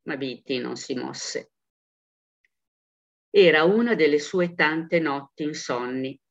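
A man reading a story aloud in an even, quiet narration. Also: a little high, takes it slowly, creaky. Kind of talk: audiobook reading. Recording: muffled, dull recording.

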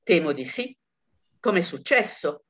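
Woman reading a low, brisk male cop; matter-of-fact, muffled lo-fi recording. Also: very animated, breathy edge, full character voice. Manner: brief, matter-of-fact questions. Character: calm, brisk male police officer. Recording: dull lo-fi recording.

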